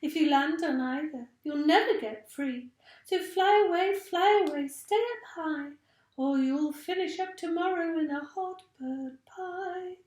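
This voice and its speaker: A woman's voice: very high voice, a little slow, darkish tone, reverberant, pitched above the performer's own voice. A woman voicing a plump, friendly storybook bird who calls out in singsong rhyme. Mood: singsong warning. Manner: singsong rhyming delivery, calling out. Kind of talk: children's storybook character voice.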